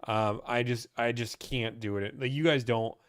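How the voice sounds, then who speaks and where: A chatty young man from Pittsburgh hosts a live stream, fielding car-buying questions. His voice is medium-pitched and fairly even, at a moderate pace. He reads viewer comments out loud and answers them casually.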